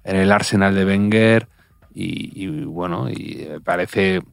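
Low-voiced man with wry humour. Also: slow, creaky, clear, resonant tone, dry recording. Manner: wry, dry humour, stammering restarts. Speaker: podcast co-host. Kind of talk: casual chat about football.

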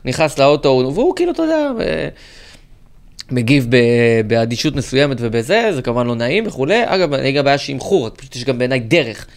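Lively man telling a story. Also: medium pitch. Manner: storytelling, mimics shouting protesters. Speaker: podcast co-host. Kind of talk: casual political chat.

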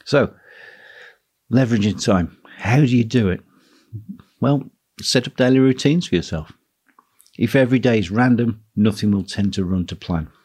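A man hosting a solo talk on running a teaching business, speaking in a relaxed, musing way. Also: fairly low pitch, normal speed, pauses often, breathy edge. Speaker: podcast host, guitar teacher.

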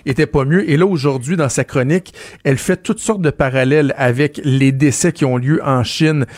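A male host with a Québécois accent who trips over his words and drops wry remarks. His voice sits at an average pitch, and the sound is close and dry. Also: moderate pace, darkish tone, no room sound. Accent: Québécois French. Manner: hesitant, stammering, wry. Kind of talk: casual talk show debate.

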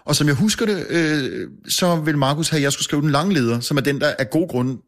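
A man with a slightly raised voice tells a story in casual chat, stumbling over his words and repeating himself. He chuckles at himself often as he goes. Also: a little high. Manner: halting, many restarts and fillers. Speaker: guest, newspaper editor.

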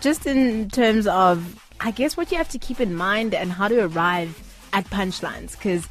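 A woman's voice: mid-range voice, unhurried. A woman, a bubbly, teasing radio host chatting in a studio. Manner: bubbly, teasing, laughs easily. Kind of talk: casual radio interview chat.

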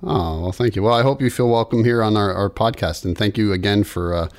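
A man with a lowish voice hosts a podcast, talking fairly quickly. He is friendly, laughs, and asks his guests questions in a casual conversation.

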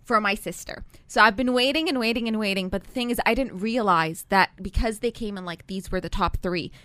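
A woman presenting on the radio and chatting with co-hosts, excited and apologetic. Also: mid-range voice, a little fast, no echo. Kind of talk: radio banter and on-air presenting.

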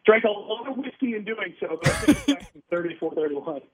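A man's voice: sits high, expressive, fairly quick, fairly bright tone, breathy edge, dry recording, faint music behind. A man, a sports radio host calling in as a guest, heard over a phone line, making emphatic points and stacking up examples. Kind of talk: sports analysis chat. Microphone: telephone.

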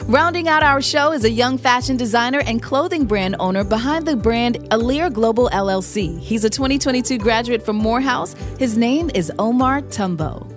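A woman's voice: a little high, lively intonation, normal speed, few pauses. A woman giving a scripted, announcer-like introduction. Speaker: show narrator. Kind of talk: scripted narration. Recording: narration over clear music.

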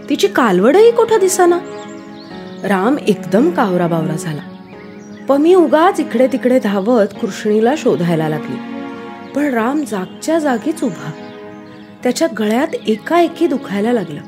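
Woman narrating a storybook, high-pitched.

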